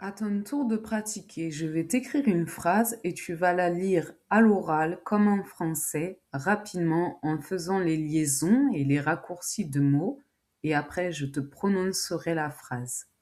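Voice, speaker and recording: Slow, mellow French teacher woman. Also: lowish voice. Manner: slow, careful, repeating example phrases. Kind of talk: scripted language lesson.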